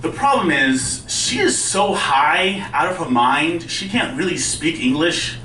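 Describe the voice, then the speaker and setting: A male stand-up comedian with a bright, slightly high voice tells self-deprecating stories in a conversational way. His speech impediment turns R's soft and close to W. The sound is roomy, as if picked up from a distance in a live venue. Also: expressive, measured pace. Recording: roomy live club, distant mic, faint noise.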